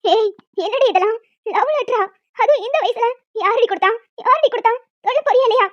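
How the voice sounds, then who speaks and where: A woman's voice: very high-pitched, fast talker, dry recording. A performer voicing a desperate, poor mother who cleans at a school, in a cartoon. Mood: scolding. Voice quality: pleading, then scolding shrilly. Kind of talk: cartoon voice acting. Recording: dull lo-fi dry recording.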